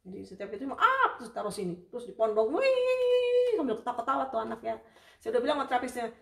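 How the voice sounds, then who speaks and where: Fast-talking woman with a gravelly voice. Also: on the high side, expressive. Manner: chatty, with many hesitations and fillers; warm and apologetic toward viewers. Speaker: ABA therapist hosting a live Q&A. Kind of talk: casual live-stream Q&A lesson. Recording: roomy sound, distant from the mic.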